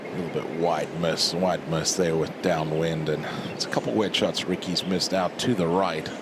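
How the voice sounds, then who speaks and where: A deep-voiced man works as a golf commentator on a live broadcast. He analyses shots in measured, clipped phrases. Noticeable outdoor noise sits behind his voice. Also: fairly even intonation.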